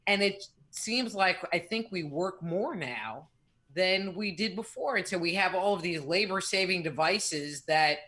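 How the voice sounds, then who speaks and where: A woman's voice: lowish voice, animated, a little slow, bright, forceful tone. A woman co-hosting live radio in casual chat, talking in a reflective, rambling way with frequent restarts. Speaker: radio show co-host.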